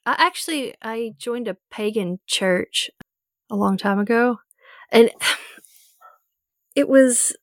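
A woman's voice: a little high, takes it slowly, pauses often, no room sound. Woman on a podcast telling a long story, kinda rambly, dry mic. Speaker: podcast co-host. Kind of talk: casual podcast chat.

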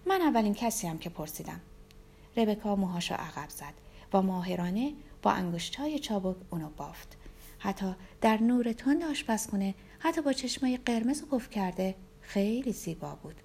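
A woman narrating a novel aloud in the first person, with a measured, even reading. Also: mid-range voice, husky. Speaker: audiobook narrator.

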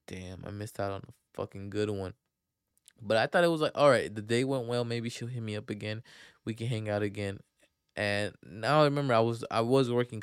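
A man's voice: fairly low pitch, smooth, dry recording, studio quality. A young man hosting a casual solo podcast, rambling in a crude, profane, slang-heavy way into a computer mic. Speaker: podcast host.

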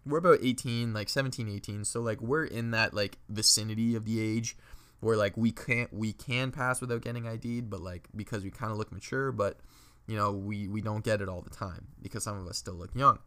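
A young adult man from Ontario, Canada, tells rambling party stories packed with filler words, swearing and laughter. His fairly low voice is brisk and a bit bright.

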